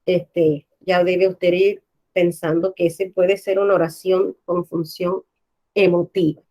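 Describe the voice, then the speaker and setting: A woman's voice: on the low side, flat delivery, slow, warm tone. A woman teacher with a Panamanian accent, patiently explaining a language lesson and often checking with her class by asking "right?".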